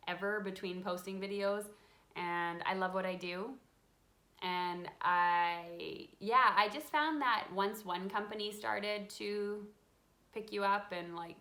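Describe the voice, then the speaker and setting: Speaking in a mid-range voice, a woman in her thirties who hosts a craft channel answers card-making questions live and at ease. She reads out what viewers ask, dropping frequent ums, while sitting at a desk in her home craft room lit by a window.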